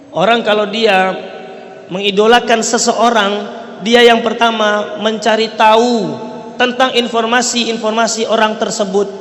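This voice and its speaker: A man's voice: very high-pitched, fairly bright tone. A man with a Riau Malay-tinged Indonesian accent preaching a sermon to a congregation, asking them rhetorical questions as he goes. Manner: rhetorical, checks in with the audience often. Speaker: Islamic preacher. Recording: long reverb of a large hall.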